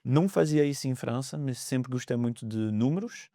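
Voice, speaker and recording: A French man in his thirties, a mortgage broker, appears as a guest on a podcast interview and speaks with a French accent. His medium-pitched, warm voice moves fairly quickly but hesitantly, full of fillers, in clean studio sound with no echo.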